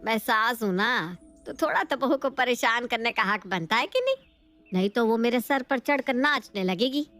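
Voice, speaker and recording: A bossy mother-in-law in a cartoon story, played by a woman in a high, bright register. She scolds and schemes in a sharp, sly manner, talking down to her daughter-in-law. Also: expressive, moderate pace, faint music behind. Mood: scheming.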